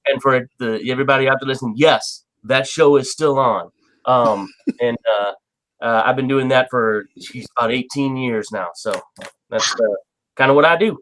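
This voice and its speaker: A man introduces himself on a casual podcast and speaks in halting, stop-start phrases. He fills the gaps with uh and restarts. His voice sits at an average pitch and stays upbeat. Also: a bit bright, poor audio. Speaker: editor, TV recapper.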